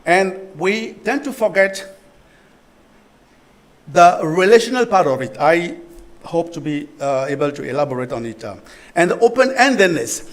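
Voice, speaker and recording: A man's voice: sits high, big pitch swings, normal speed, pauses often, poor audio. A middle-aged man from Cameroon giving an academic conference talk, thinking aloud with frequent restarts and asking for the next slide. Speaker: symposium presenter.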